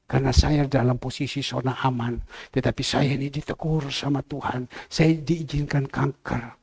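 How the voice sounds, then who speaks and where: Man doing a resigned sick man, quiet and subdued, gravelly low voice. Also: little pitch movement, moderate pace. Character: humbled sick middle-aged man recounting his losses.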